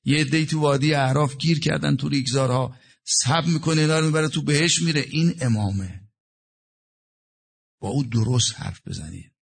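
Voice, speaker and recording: A man preaching a religious sermon, quoting Arabic verses and explaining them in plain talk, sometimes dropping to a hush and sometimes raising his voice. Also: fairly high pitch, gravelly, breathy edge. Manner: explains Arabic verses in plain talk, shifting between hushed and raised delivery. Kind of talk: religious sermon with Quranic recitation.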